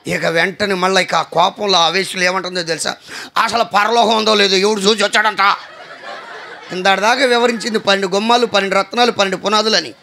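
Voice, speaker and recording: A male pastor preaching a sermon, telling stories with lively shouted emphasis and calling on the congregation to answer. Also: high-pitched, brisk, creaky. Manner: animated storytelling with shouted emphasis; asks the congregation to respond.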